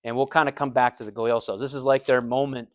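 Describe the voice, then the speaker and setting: A man's voice: medium pitch, level tone, fast, no echo. A man with an American accent teaching anatomy and physiology in a conversational lecture, explaining with everyday comparisons and checking in with his students. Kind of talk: recorded lecture.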